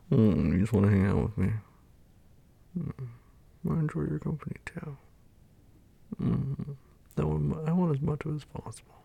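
Close to the microphone, a man performs whispered boyfriend roleplay ASMR in a soft, soothing, intimate murmur that frequently becomes a whisper. The voice is very husky and breathy, warm and mellow, with gravelly fry. The recording is dry.

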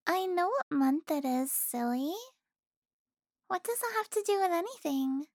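A young woman playing an affectionate, teasing girlfriend in an intimate audio roleplay, speaking softly with sighs and giggles. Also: extremely high pitch, big pitch swings, slow, dry recording, clean studio sound, full character voice.

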